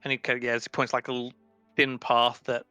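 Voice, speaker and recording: A man's voice: medium pitch, completely flat delivery, fast talker, pushed and bright, clear, resonant tone, dry recording, faint music behind. A man narrating as dungeon master, with a loose, casual manner full of fillers. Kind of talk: narrating a tabletop game.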